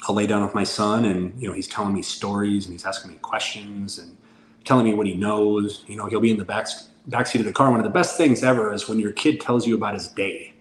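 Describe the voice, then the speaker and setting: A man's voice: on the low side, fairly even intonation, a little fast. Candid man in his forties, roomy sound. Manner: candid storyteller who acts out dialogue. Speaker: podcast guest. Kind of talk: casual interview talk. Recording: roomy sound with faint background noise.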